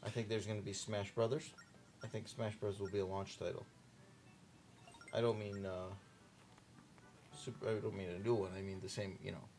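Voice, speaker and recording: A man's voice: lowish voice, little pitch movement, normal speed, long pauses, a little mellow, faint music behind. A young man chatting casually while he plays through a game on a long marathon stream, joking with the on-screen characters. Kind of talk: casual gaming chat during a marathon stream.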